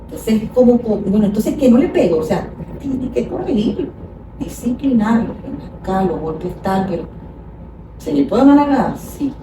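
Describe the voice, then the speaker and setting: Speaking at a moderate pace in a slightly high voice, a female child psychologist guest patiently walks through child behavior with practical examples, even mimicking parents' scolding. The conversational explanation comes from well back in an echoey room, with steady background noise.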